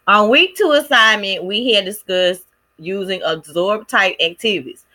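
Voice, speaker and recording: Woman, clear bright tone, casual lesson-plan presentation, halting with fillers. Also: medium pitch. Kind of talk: recorded class presentation.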